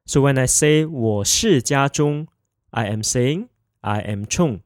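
A man hosts a podcast language lesson, pausing to repeat each word slowly so learners can follow. His voice sits at an ordinary middle pitch. It is recorded dry on a close microphone. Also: lively intonation, dry recording. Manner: slow, clear, repeats words for learners. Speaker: Mandarin teacher.

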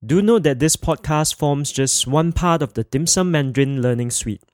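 A man teaching a podcast language lesson, speaking clearly and slowing down to repeat words for learners. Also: fairly high pitch, a little mellow, no echo, studio quality. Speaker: Mandarin teacher.

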